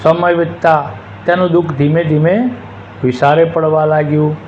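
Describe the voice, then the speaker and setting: A man from Gujarat narrating a religious story as a kathakar, in a measured recited way. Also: fairly high pitch, steady tone. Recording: dull lo-fi with faint hiss.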